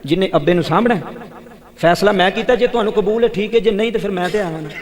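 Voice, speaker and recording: A man's voice: high voice, racing, long reverb tail, lightly acted. A man with a Pakistani Punjabi accent voicing a devoted youngest son who speaks earnestly in a sermon story.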